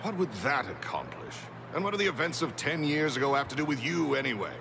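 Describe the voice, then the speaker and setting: A man's voice: mid-range voice, very animated, quick pace. An actor playing a curt, impatient man near forty in a video game. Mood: scornful, impatient. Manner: curt, scornful, commanding. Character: gruff impatient middle-aged man, hostile. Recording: game audio with clear background noise.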